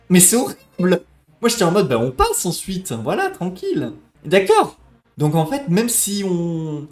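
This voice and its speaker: Man, higher voice, excitable let's play reactions, echoey room, faint game music. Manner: excitable, panicky outbursts and cursing. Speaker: gaming streamer.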